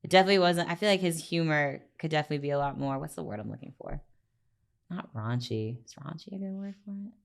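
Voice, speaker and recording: A woman with a low voice trades playful jabs in relaxed podcast banter. She teases and laughs readily between her points. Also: gravelly. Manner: teasing, quick to laugh. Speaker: podcast co-host. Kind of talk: casual chat.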